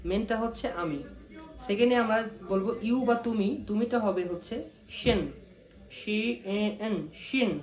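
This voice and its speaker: A man whose first language is Bengali gives a casual spoken language lesson, repeating each word slowly and spelling it out. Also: sits high. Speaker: language teacher. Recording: echoey room.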